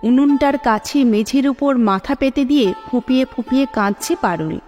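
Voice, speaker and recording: High-voiced woman storyteller with a long reverb. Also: moderate pace, dull audio. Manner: expressive, dramatic reading. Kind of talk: scripted story narration. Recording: long hall reverb, soft sitar music.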